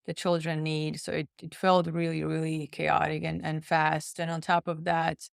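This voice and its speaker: Podcast guest, woman, lowish smooth voice, earnest and reflective. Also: level tone, normal speed, dry recording, studio quality. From Slovakia. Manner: earnest, reflective, repeats words while thinking. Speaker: guest, nutritionist and pharmacist. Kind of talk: personal storytelling in conversation.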